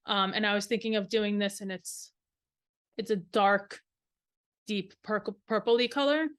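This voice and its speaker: With a clear, resonant, mid-range voice that moves a little slowly, this knitting podcast co-host talks casually, showing and telling items. She rambles as she works through her thoughts aloud.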